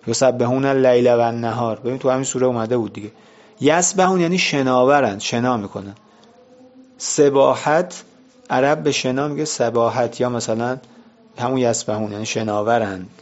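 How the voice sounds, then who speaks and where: A man's voice: medium pitch, lo-fi sound. A man teaching a vocabulary lesson, explaining words one by one and asking and answering his own questions.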